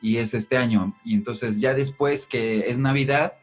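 A young man with a Mexican Spanish accent, explaining family traditions in a relaxed, casual chat. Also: mid-range voice, a little slow, faint music behind. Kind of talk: casual conversation.

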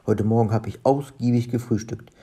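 A man's voice: medium pitch, fairly even intonation, a little fast, warm tone, breathy edge, lightly acted. A man voicing a boastful, easygoing male robber in a breezy, dismissive way.

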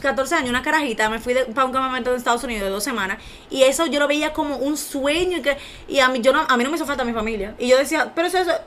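A young woman, co-hosting a casual chat and telling animated stories to her listeners. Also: sits high, very fast, a little hiss or hum. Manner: animated storyteller, addresses listeners as "señores".

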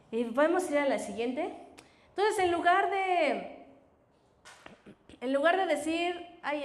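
A woman with a high voice gives a Bible teaching talk at an unhurried pace. She often poses questions and answers them herself, dropping in "ajá" again and again. The recording is roomy and echoey. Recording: roomy echo.

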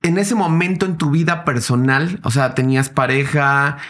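Podcast host man with a raised pitch. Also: normal speed, a bit bright. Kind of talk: conversational interview.

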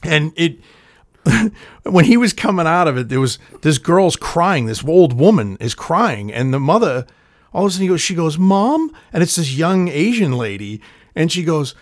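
A man's voice: on the high side, sing-song, moderate pace, no echo, clean studio sound. A man telling stories in a casual chat, rambling and swearing, acting out the scenes. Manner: rambling storyteller, swears often, acts out scenes.

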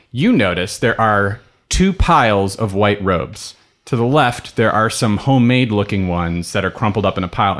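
Low-voiced man running a tabletop game. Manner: loose, rambling narration with many fillers. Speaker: game master.

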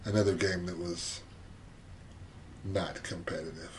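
A man co-hosting a casual sports podcast, relaxed and hesitant with many filler sounds as he runs through a list. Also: low-pitched, unhurried, a little hiss or hum. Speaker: podcast co-host.

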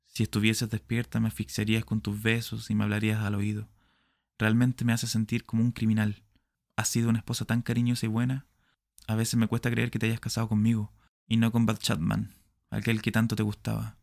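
A man voicing a middle-aged husband in a storybook reading, who moves from quiet scheming to alarmed shouting. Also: lowish voice, completely flat delivery, brisk, gravelly, no room sound, studio quality. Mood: tender.

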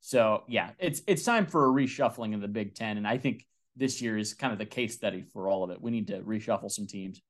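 A man's voice: on the low side, fairly quick. A young man co-hosting a college football podcast, talking casually with lots of fillers and restarts. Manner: animated, many fillers and restarts. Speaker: podcast co-host. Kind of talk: casual sports talk.

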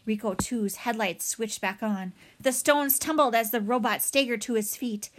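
A woman reading a children's novel aloud in a dramatic, expressive way. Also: on the high side, normal speed, slight background noise. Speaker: audiobook reader. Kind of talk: storybook read-aloud.

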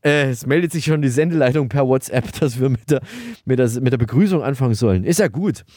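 A man's voice: medium pitch, fast talker, a little mellow, dry recording, clean studio sound. A man co-hosting a comedy podcast, talking in a flustered, rambling way with many restarts. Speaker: podcast co-host.

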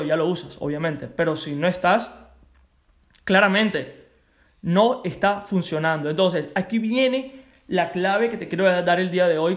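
A man hosting a network marketing podcast, giving an emphatic motivational monologue and often checking in with "ok?". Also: high voice. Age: adult parent. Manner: emphatic, keeps asking "ok?".

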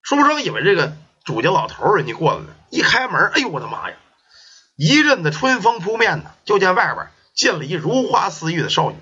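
Guy narrating a ghost tale, animated, kinda husky. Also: high voice, fairly quick. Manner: lively colloquial storytelling. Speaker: storyteller. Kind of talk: folk ghost story narration. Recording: dull lo-fi recording.

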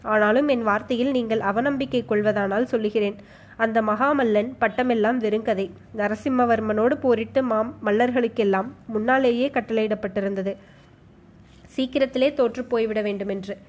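A woman voicing a scheming male Buddhist monk who sneers and insinuates in a smooth, sly way. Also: a little high, fairly even intonation, moderate pace, dull audio, close to an everyday voice. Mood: insinuating.

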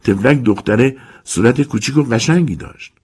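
A man voicing a gossipy older servant woman who speaks in a husky, hushed, conspiratorial way. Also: mid-range voice, voice pushed up, natural voice. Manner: slow, conspiratorial.

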